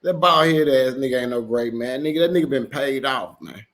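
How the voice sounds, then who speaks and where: A man's voice: medium pitch, lively intonation, a little fast, fairly bright tone. A man giving casual reaction commentary in a blunt, profane, heated way.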